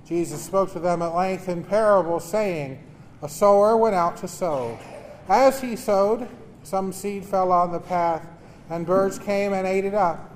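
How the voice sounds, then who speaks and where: Man, priest, very high voice, earnest preaching, long cathedral echo. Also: unhurried, a little hiss or hum. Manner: earnest preaching with homely jokes. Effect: long cathedral-like reverb. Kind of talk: Mass gospel reading and homily. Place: large church. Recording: echoey church hall.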